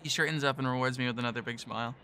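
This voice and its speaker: A man narrating a visual novel in the first person, in a bright, forceful voice at a middle pitch. He reads in a nervous, self-deprecating tone. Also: fairly even intonation, racing, slight background noise.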